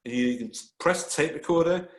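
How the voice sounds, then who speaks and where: A man's voice: fairly high pitch, a little fast. A man telling stories in a casual panel talk, enthusiastic and rambling, full of restarts. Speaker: author guest. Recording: roomy echo.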